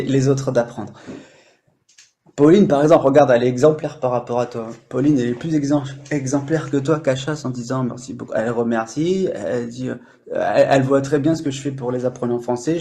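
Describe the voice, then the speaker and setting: A man's voice: medium pitch, gravelly, warm tone. A French-speaking man hosting a language-learning live stream, explaining casually with many fillers and restarts.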